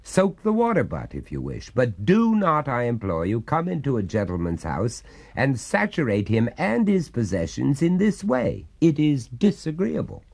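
A man playing an exasperated, pompous gentleman householder who answers back with testy sarcasm. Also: mid-range voice, huge pitch swings, moderate pace, creaky, slightly rough, voice pushed up, heavily acted.

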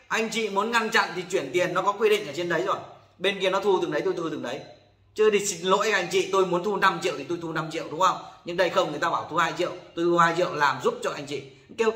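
Male host, high bright voice, blunt scolding rant full of swearing, echoey room. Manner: acts out callers in quoted exchanges. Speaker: channel host warning about loan scams. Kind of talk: ranting monologue to viewers.

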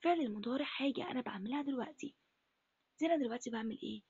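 A woman teaching Arabic to first graders in an Egyptian accent, asking questions and answering them herself in a breathy, half-whispered voice. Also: a little high, racing, a little mellow, dry recording, dull audio. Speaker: primary school Arabic teacher. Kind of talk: recorded lesson for first graders.

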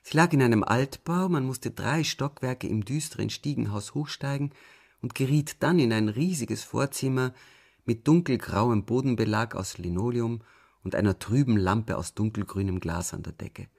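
A man narrating an audiobook in a calm, measured way, often going soft at the ends of phrases. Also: mid-range voice, vocal fry, husky. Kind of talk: scripted narration.

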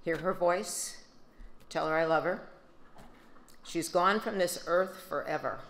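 An older woman with a Midwestern American accent, giving a steady, subdued prepared speech at a podium into a handheld mic. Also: fairly low pitch, measured pace. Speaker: grieving mother giving a speech. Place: large banquet hall. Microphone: handheld microphone. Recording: echoey banquet hall.

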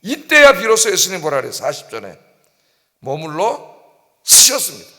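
A man's voice: sits high, sing-song, moderate pace, bright, forceful tone. A middle-aged male pastor preaching an emphatic dawn-service sermon, often prompting the congregation and crying out quoted pleas. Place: church sanctuary. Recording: long church reverb.

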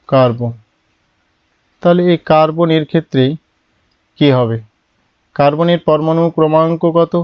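A man teaching a lesson at a patient, step-by-step pace, posing questions and then dropping his voice to give the answers. His voice is fairly high and smooth. The sound is dry and a little muffled. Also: no echo. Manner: asks questions and answers them himself, drops his voice on answers. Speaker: chemistry teacher. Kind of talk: classroom lesson.

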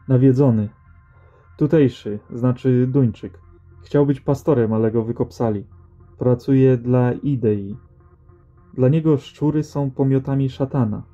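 A man's voice: medium pitch, warm tone, natural voice. A man reading as a blunt, sardonic rat-hunter. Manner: dry, matter-of-fact banter. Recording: slightly dull audio with faint music.

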